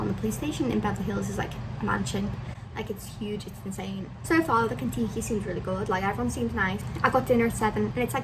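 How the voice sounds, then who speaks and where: A woman's voice: medium pitch, noisy background. Chatty young woman vlogging. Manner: chatty, many filler "like"s. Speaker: travel vlogger. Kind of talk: casual travel recap.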